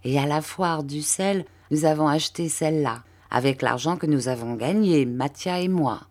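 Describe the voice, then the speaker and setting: A woman narrating a classic French novel as an audiobook, in a measured storytelling manner. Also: low-pitched, darkish tone. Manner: measured storytelling, lifting her voice for quoted characters. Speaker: audiobook reader.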